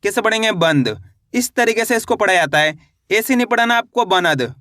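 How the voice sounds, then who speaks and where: A man teaching reading in a video lesson, drilling each sound with repeated questions and slow model words. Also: sits high, pushed and bright, dry recording, clean studio sound. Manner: repetitive call-and-response drilling, drawn-out model words. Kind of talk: classroom-style video lesson.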